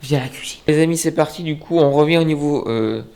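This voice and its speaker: A man chatting casually as he films a tour of a holiday apartment, joking and filling pauses with hesitations. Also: fairly high pitch, a little mellow. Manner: chatty, joking, many fillers. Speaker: vlogger. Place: indoors and on a balcony.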